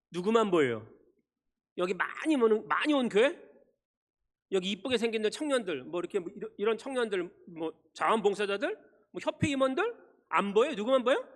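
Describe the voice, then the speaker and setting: A male pastor preaching a Sunday sermon, firing rhetorical questions at the congregation and swinging between loud emphasis and quiet asides. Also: sits high. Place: church sanctuary. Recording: long church reverb.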